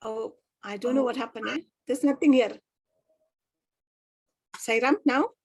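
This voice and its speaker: A woman's voice: a little high, measured pace, darkish tone, husky. Fields: Sex: woman. Role: moderator and interpreter. Style: polite, formal online hosting with hesitant fillers. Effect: echoing feedback. Mic: video call. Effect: echoing audio feedback on her call line.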